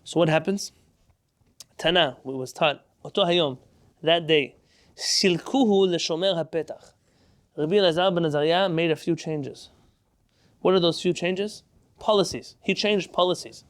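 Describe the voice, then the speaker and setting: A man leads a Talmud lesson with a somewhat raised pitch, working through each passage step by step. He often poses a question to the class and then answers it himself. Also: moderate pace, pauses often. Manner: explains step by step, asks and answers own questions. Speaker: Torah class teacher.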